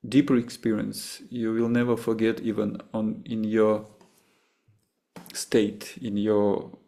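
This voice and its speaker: A male meditation teacher from Russia, speaking with a Russian accent, takes questions after his session, pausing and restarting often as he looks for words. He talks in a monotone on the low side, with a creaky, warm sound.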